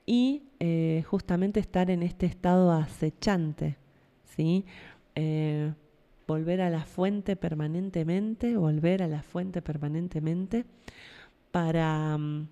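Low mellow-voiced Argentine woman. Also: big-room sound. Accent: Argentine, Buenos Aires. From Buenos Aires Province, Argentina. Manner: searching for words, frequent tag questions. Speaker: podcast host. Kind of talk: reflective spiritual talk.

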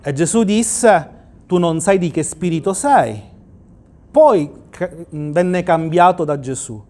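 A pastor preaching a livestreamed sermon in church, asking rhetorical questions and quoting scripture. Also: male voice, high-pitched, a little mellow.

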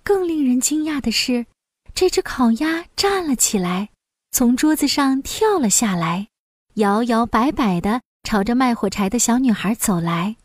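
A fairy tale for little kids is narrated by a woman whose voice sits fairly high, delivered slightly slowly and with scripted expressiveness. The sound is close-miked, dry, and free of echo.

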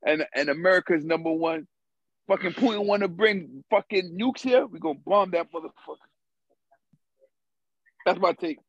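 A man's voice: high voice, normal speed, pauses often, a bit bright, no echo. A man trading crude jokes on a video call, stammering and repeating himself. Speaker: podcast guest. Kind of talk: crude casual banter. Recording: muffled video call with faint noise.

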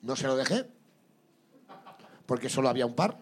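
A man hosting a comedy drinking-game show, trading crude jokes with his guest and breaking into loud laughs. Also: mid-range voice, very animated, normal speed. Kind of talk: bawdy comedy banter before a live audience.

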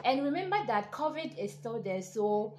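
A woman's voice: fairly high pitch, very animated, moderate pace, a little mellow, roomy sound. A woman guest on a casual podcast, giving earnest, encouraging advice.

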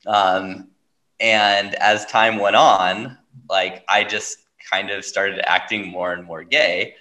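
A man's voice: on the low side, fairly even intonation, slow pace, bright, forceful tone. A man hosting a podcast, telling a story in a loose, rambling way with lots of fillers and easy laughter. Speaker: podcast host. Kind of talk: casual storytelling chat.

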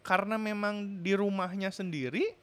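A man in his thirties with a Sundanese accent, co-hosting a casual podcast chat, lively and quick to laugh. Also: high voice. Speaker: podcast co-host.

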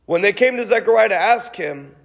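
A man with a high-pitched, creaky voice preaches in an animated way at a fairly quick clip, mixing in prayer spoken aloud. His manner is casual and conversational, full of restarts and peppered with "God" and "Lord." The sound has the long echo of a large hall.

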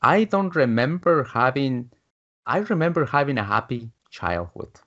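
A man's voice: medium pitch, sing-song, measured pace, pushed and bright. A man in his fifties from Guatemala, a business coach telling his life story as an interview guest, with many fillers and restarts. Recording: dull lo-fi audio.

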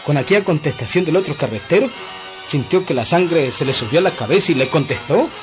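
A man telling a comic folk tale, his fairly high voice rising and falling in a lively way. He talks in a folksy manner, turning to the listener as a friend, with music behind him. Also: brisk. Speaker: storyteller.

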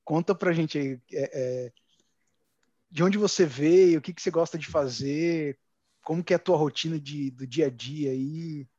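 A man in his thirties hosting a podcast, speaking in a friendly way with many pauses and "é" fillers. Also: fairly high pitch, warm tone, no echo, muffled recording. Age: 30s. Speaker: podcast host. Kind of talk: casual podcast chat.

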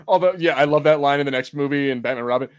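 During a movie watch party, a podcast co-host with a medium-pitched, racing voice talks casually, cursing freely and performing lines he imagines.

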